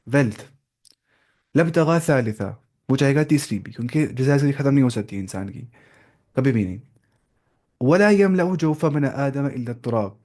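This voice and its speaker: A man's voice: mid-range voice, a little mellow. A young man teaching Quranic pronunciation in a casual lesson, explaining step by step, asking questions and demonstrating sounds.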